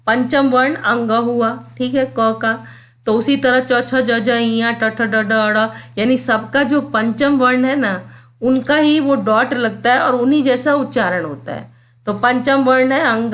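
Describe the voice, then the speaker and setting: A woman teaching a grammar lesson to schoolchildren, sounding out letters slowly and checking that the class follows. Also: a little high, fairly bright tone. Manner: slow and explanatory, checks understanding with "clear?" and "theek hai".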